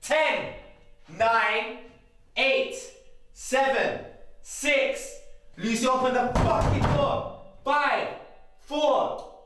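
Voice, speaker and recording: A man's voice: extremely high pitch, extremely slow, pauses often, fairly bright tone, distant mic, full character voice. In a very echoey, noisy stairwell recording, an actor plays an abusive young boyfriend. He is volatile and controlling, in a naturalistic film-drama manner. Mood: enraged, threatening. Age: young adult. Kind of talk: naturalistic short-film acting. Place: stairwell and landing of a house.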